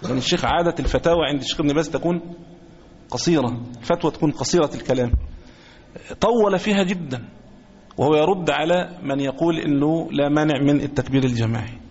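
A man with an Egyptian accent teaching a religious lesson as a sheikh, speaking deliberately and repeating his phrases. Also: on the high side, darkish tone, a little hiss or hum. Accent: Egyptian Arabic. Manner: deliberate, repeats phrases, chants quoted takbir slowly. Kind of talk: religious lesson explaining a book. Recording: echoey hall, dull lo-fi sound.

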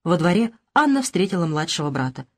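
A woman reading a novel aloud in even, measured audiobook narration. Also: on the low side.

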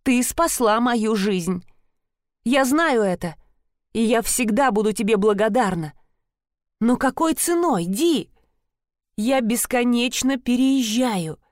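A frightened young sister torn between gratitude and resentment, as a woman reading a novel puts her on. Her lines climb higher than the narration around her and come out pleading. The voice sits close and dry, with no room around it. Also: no room sound. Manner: emotional, rising and pleading. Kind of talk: audiobook character voice.

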